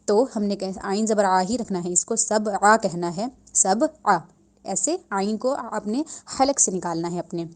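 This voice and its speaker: Patient woman teaching recitation, mellow voice. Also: medium pitch. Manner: patient, repeats each sound slowly. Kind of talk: slow word-by-word tajweed lesson.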